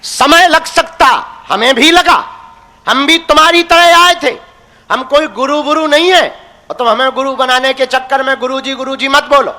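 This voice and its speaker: A man's voice: extremely high pitch, moderate pace, pushed and bright. A young man preaching a devotional sermon, teasing and folksy, calling his listeners his crazy ones. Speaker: religious preacher. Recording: long hall reverb.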